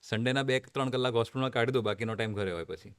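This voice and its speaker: A middle-aged man from Ahmedabad with a Gujarati accent, a doctor talking in a relaxed way, dropping in English phrases. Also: medium pitch, racing, smooth. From Ahmedabad, India. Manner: relaxed, mixes English phrases, light laughter. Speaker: oncologist guest. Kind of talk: conversational interview.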